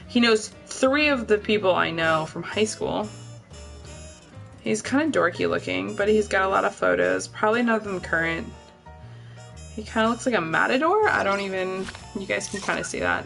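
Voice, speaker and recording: A young woman, animated and with vocal fry, talks at a moderate pace on a live stream, her voice a bit bright yet lower than most women's. Over faint background music she chats casually, bluntly, and profanely, rambling with lots of fillers.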